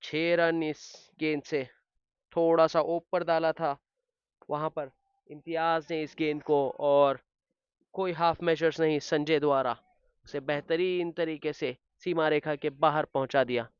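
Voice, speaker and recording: Man, excited cricket commentary, very clean smooth voice, dry slightly dull recording. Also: a little high, unhurried, no room sound. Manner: excited on big shots.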